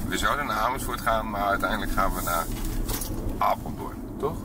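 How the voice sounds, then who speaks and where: A man's voice: lowish voice, normal speed, distant mic, very noisy. A man with a Dutch accent, a father telling family stories casually in his vlog. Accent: Dutch, from the east of the Netherlands. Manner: chatty, storytelling, chuckling. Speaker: vlogger. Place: in a car while driving.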